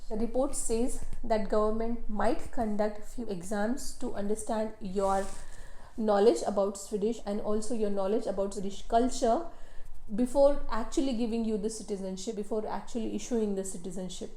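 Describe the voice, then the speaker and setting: A woman's voice: a little high, dark tone. Earnest woman vlogger in an echoey room. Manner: earnest, explanatory, repeats phrases for emphasis. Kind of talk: casual informative vlog.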